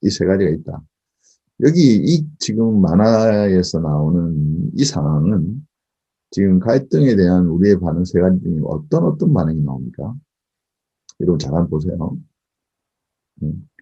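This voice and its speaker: A male lecturer giving a class, asking the audience rhetorical questions and often affirming with a quick "yes". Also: deep voice, very animated, warm tone, slightly rough, lo-fi sound. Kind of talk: recorded lecture.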